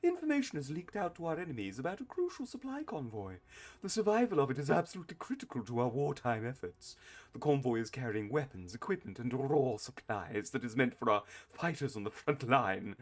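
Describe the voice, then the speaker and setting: A man's voice: lowish voice, slow pace, few pauses, sharp tone, voice pushed down, heavily acted. A man putting on a stern briefing officer. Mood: mock-serious. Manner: mock-serious, put-on bad accent.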